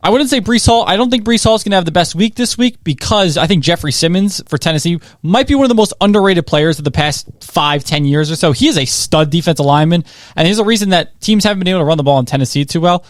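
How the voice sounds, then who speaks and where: Young guy rambling fast about football picks, kinda high voice, dry mic. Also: no room sound. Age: young adult. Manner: excitable, rambling, lots of "like" and "I think". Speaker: co-host. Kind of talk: casual sports podcast chat.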